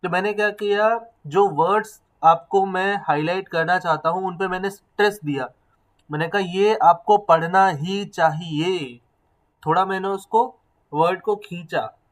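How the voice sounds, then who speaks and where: High-voiced man teaching a class. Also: normal speed, a bit bright, low-quality recording. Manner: explains step by step, asks the class questions, mixes in English phrases. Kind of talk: classroom lecture.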